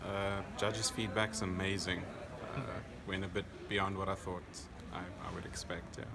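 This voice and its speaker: Noisy event background, young man, South African accent, low voice, casual post-competition interview. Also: flat delivery, normal speed. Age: young adult. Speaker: coffee competitor interviewed after performing. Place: indoor convention venue. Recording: clear background noise, busy event venue.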